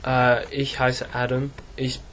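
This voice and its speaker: A teenage boy from England, an English speaker practising German, answering slowly with many fillers and pauses. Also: mid-range voice, completely flat delivery, noisy background. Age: teens. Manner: halting, slow, many fillers. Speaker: student.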